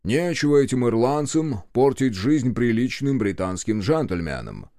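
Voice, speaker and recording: A man voicing a smug, stern police sergeant who speaks in a gruff way. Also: mid-range voice, sing-song, unhurried, mellow, no room sound, clean studio sound.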